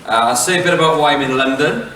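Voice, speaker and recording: A middle-aged head teacher from Wales gives a relaxed public talk, joking with the audience and poking fun at himself. His voice runs a little high for a man and he speaks fast, stopping and restarting with many fillers. The mic is far off in an echoey hall, with a faint hum behind him.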